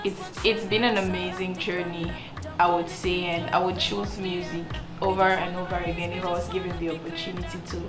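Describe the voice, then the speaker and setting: A woman's voice: lowish voice, little pitch movement, fairly quick. Woman singer, earnest interview talk, echoey room with music beneath. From Cameroon. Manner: earnest, with many restarts and repeated words. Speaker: singer and songwriter.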